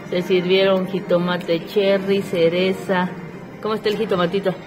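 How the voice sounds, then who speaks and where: A woman, a mother and small business owner, talking softly and emotionally to her viewers in a casual home vlog. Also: medium pitch, flat delivery, moderate pace, over music, rough recording. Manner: soft, emotional and heartfelt, thanking viewers. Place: home kitchen, a film playing in the background.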